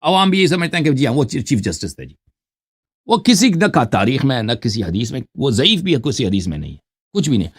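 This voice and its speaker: A man's voice: medium pitch, sing-song, breathy edge. A man arguing insistently in a heated debate, lecturing and cutting in.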